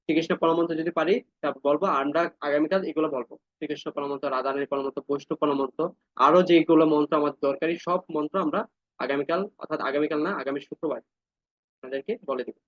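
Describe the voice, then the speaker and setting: A man with a high voice leads an online scripture class. He chants each verse slowly, syllable by syllable, then explains it briskly and tells his students to follow along. The audio is dry and a little dull, as on an online call. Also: fairly even intonation, dry recording. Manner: addresses students directly, asks them to follow along.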